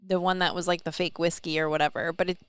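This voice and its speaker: A young adult woman co-hosts a podcast, chatting casually in a candid way and swearing offhandedly. Her lowish voice is smooth and flat in delivery, moving at a quick pace with no echo.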